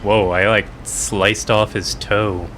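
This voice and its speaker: A man with a fairly low, flat voice streams a game and takes it slowly, chatting playfully and cracking jokes to himself as casual commentary. His tone is a bit bright, with slight background noise.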